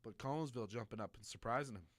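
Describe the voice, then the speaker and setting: A man hosting a high school sports talk show, chatty and joking with fillers. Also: very fast, fairly bright tone, dry recording. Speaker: sports radio host.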